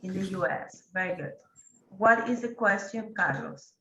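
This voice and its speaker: A woman's voice: medium pitch, normal speed, a bit bright, roomy sound, lo-fi sound, a little hiss or hum. A woman, teaching an English grammar class and patiently prompting students. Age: 40s.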